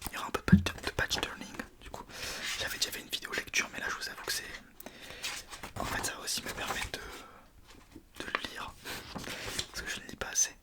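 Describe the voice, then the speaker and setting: A man reading in a soft ASMR whisper, informal, sometimes stumbling over words and correcting himself. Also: brisk, long pauses. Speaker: ASMR video creator. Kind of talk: whispered ASMR book reading with casual asides.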